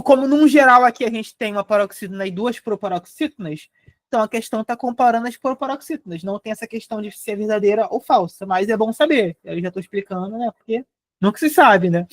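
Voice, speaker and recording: A young Brazilian woman teaching a live online grammar lesson, explaining step by step and spelling out syllables slowly. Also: medium pitch, dry recording, studio quality. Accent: Brazilian Portuguese.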